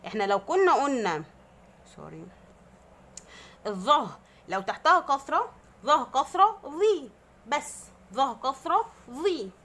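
A woman's voice: on the high side, a bit bright. A woman with an Egyptian Arabic accent teaching a grammar lesson to young children, patiently explaining and answering her own questions, drawing out vowels to demonstrate long sounds. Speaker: primary school teacher.

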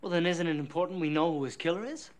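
Man as earnest, high-voiced young gentleman. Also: fast, close to an everyday voice. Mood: defiant. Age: 20s. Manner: earnest, insistent. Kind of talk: period film drama.

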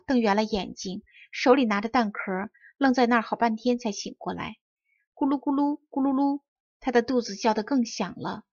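A woman narrates a children's fairy tale with clear, precise enunciation. Her voice sits a little high. The recording is dry and slightly muffled. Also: no room sound. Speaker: storybook reader. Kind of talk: expressive children's story narration.

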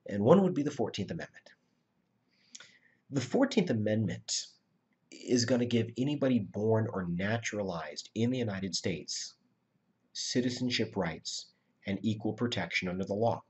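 Deep husky-voiced male history teacher. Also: highs cut off. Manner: conversational, frequent "right?" and restarts. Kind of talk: classroom lecture.

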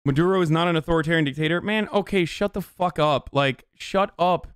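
A man from Turkey in his thirties rants into a close studio mic, blunt and exasperated, swearing freely as he argues his point to his stream audience. His voice sits a little higher than most men's, and the sound is dry with no room echo. It plays as live political commentary from a home setup. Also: brisk, clear, resonant tone. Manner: blunt, profane, exasperated ranting. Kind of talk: heated livestream commentary. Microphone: studio mic on boom arm.

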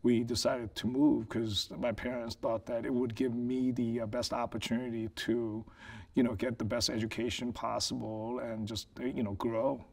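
A man's voice: mid-range voice, level tone, moderate pace, creaky, darkish tone. A man in his forties from South Korea, a business owner recalling his life as a guest in an interview, talking thoughtfully with lots of "you know" and "like". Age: 40s. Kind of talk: casual interview. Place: living room set.

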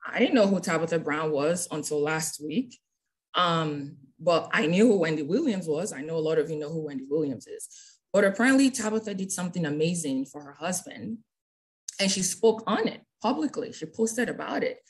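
A woman with a somewhat low voice teaches scripture in a relaxed, conversational way. She keeps checking in with her listeners with a quick "right?", heard over a group call. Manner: chatty, ends phrases with "right?". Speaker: bible study leader.

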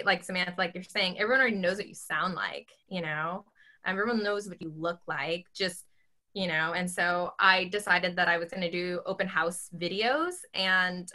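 A real estate agent in her thirties sits in a small bedroom at home, chatting casually on a video call through her laptop webcam. She sounds squeaky and high-pitched, animated and full of ums, using her hands as she talks.

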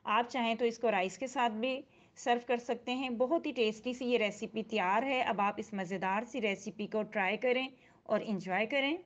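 A woman hosting a cooking channel, talking calmly through a recipe step by step in a voice-over. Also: fairly high pitch, normal speed, dull audio. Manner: calm step-by-step instruction. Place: voice-over, not recorded in the pictured kitchen.

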